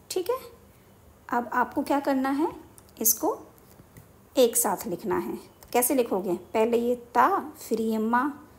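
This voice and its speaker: Slow, high-voiced woman teaching children. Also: a little mellow. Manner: slow, patient, repeats words for young learners. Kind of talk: children's Hindi lesson.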